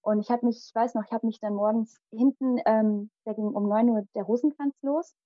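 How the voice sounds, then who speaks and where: This interview guest is a young woman with Malayalam as her first language, and she tells a personal story briskly, vividly, and dramatically. Her voice is a little high, the audio is dull, and there's no room sound.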